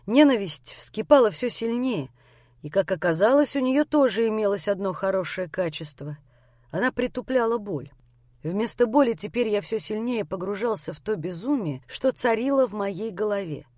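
A woman's voice: mid-range voice, dry recording, studio quality. Woman narrating an audiobook. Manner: steady, intimate first-person storytelling.

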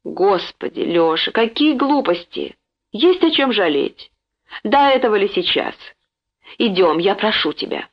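A woman's voice: medium pitch, big pitch swings, measured pace. A worried, protective mother voiced by a woman reader, urgent and pleading with her child. Her voice rises with alarm. The recording is dull and lo-fi. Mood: anxious.

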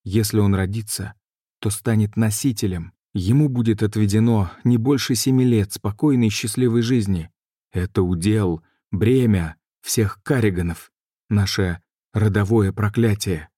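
A man's voice: fairly low pitch, a little slow, dark tone, husky, no echo, studio quality. A man voicing a tormented male mage in an audiobook, urgent and tense. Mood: grim.

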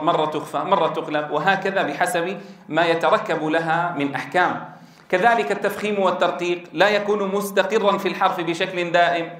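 A man teaches a tajweed lesson and stretches words slowly to show how they sound. His voice sits high, and it rings in a roomy, echoey space. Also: fairly bright tone. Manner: asks questions and answers them himself. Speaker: Quran teacher.

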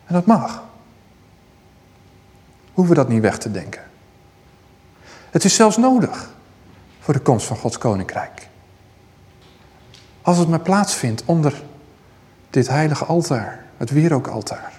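A man preaching a Bible-teaching sermon, his voice sitting a little high. He reads scripture aloud with lifting emphasis. The sound rings with a long hall reverb. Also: sing-song, unhurried, long pauses, mellow.

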